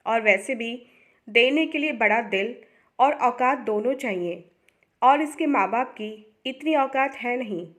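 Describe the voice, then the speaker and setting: A harsh older mother-in-law who talks down with cutting scorn, voiced by a woman reading the story. Her voice stays high and sharp-tongued. She sounds like a figure from a read-aloud family drama. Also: measured pace. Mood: scornful.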